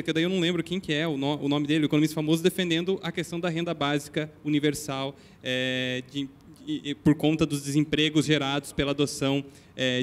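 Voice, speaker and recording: A man commenting as a panelist at a conference, hesitant with many restarts. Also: a little high. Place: conference hall.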